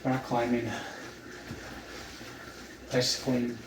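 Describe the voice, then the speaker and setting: Halting, weak post-surgery man, roomy distant sound. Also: medium pitch, completely flat delivery. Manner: halting, trailing off, with long pauses. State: weak and sore after surgery. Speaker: vlogger documenting own surgery recovery. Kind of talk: casual recovery vlog, talking to camera. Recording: roomy, distant mic, faint background noise.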